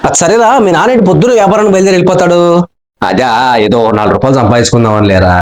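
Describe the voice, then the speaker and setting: A man trading quick jokes in a comic question-and-answer skit, teasing with punchline replies. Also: fairly high pitch, expressive, darkish tone. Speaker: comedian.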